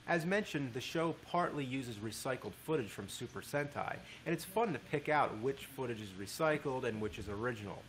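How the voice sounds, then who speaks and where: A man narrates a video essay at a middle pitch, chatty and dry, with the odd wry aside. A faint hiss sits under the recording. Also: fairly bright tone, low-quality recording. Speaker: commentator.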